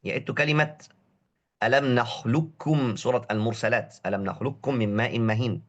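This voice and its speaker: A man with a cold teaching a tajweed lesson online, drawing Arabic words out slowly to demonstrate their pronunciation and drilling short syllables again and again. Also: medium pitch, dull audio. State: has a cold. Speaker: Quran recitation teacher.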